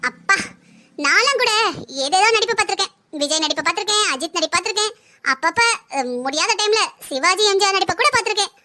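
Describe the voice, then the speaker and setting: A woman voicing a bossy, sharp-tongued older sister-in-law who taunts and scolds in a cartoon family story. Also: extremely high pitch, expressive, fast, heavily acted. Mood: scolding.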